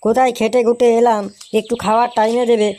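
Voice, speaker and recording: A woman's voice: fairly high pitch, level tone, fast, dark tone, lightly acted. A woman voicing a hot-tempered, henpecked husband in a cartoon, grumbling and cursing at his wife. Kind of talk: cartoon voice acting.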